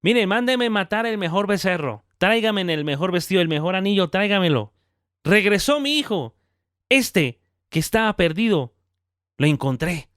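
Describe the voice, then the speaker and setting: A man voicing a joyful old father who calls out loudly to his servants. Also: high voice, expressive, moderate pace, clean tone, no echo, studio quality, voice pushed up. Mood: jubilant. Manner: exclaiming, calling out loudly to servants.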